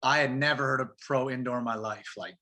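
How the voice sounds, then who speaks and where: This guest is a professional soccer player, a man chatting in a casual interview setting. He's lively and slangy, throws "bro" and "man" at his host, and speaks at a medium pitch and a fairly quick pace.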